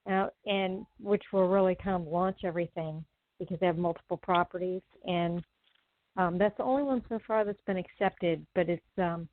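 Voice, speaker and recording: A woman's voice: medium pitch, no echo. A woman calling in to a psychic advice show over a phone line, talking casually and hesitantly, with many ums and restarts. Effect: heard over a phone line. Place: at home during a thunderstorm.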